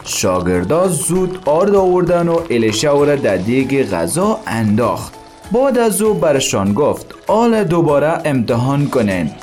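A man's voice: medium pitch, very animated, darkish tone, faint music behind. A man telling a Bible story to his daughters as a father. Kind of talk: storytelling to children.

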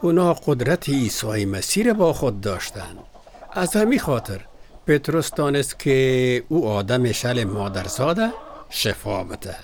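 Brief: a patient, devout husband in a radio play, Afghan Dari accent, even mid-range voice. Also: male voice, mid-range voice, slight background noise. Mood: earnest. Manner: earnest, explanatory. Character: devout husband, patient, earnest explainer of faith. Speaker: husband explaining scripture. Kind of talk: radio drama acting.

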